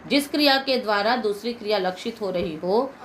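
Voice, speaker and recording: A woman's voice: medium pitch, a little fast, fairly bright tone, a little hiss or hum, low-quality recording. A woman with a Hindi accent teaching Sanskrit grammar, patiently explaining rules and asking the class questions. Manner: patient, asks the class questions and answers them herself.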